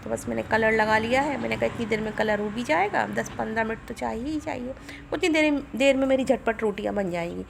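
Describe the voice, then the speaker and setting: Chatty homely woman, gravelly voice. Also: fairly high pitch, brisk, slight background noise. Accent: Bundelkhandi Hindi. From India. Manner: chatty, homely, retells family talk. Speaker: vlogger. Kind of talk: casual daily vlog narration. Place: home, kitchen.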